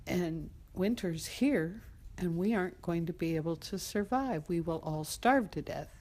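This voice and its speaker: A woman's voice: fairly low pitch, unhurried, darkish tone. A woman voicing a grief-stricken widowed mother in a folk tale, speaking sorrowfully and in despair.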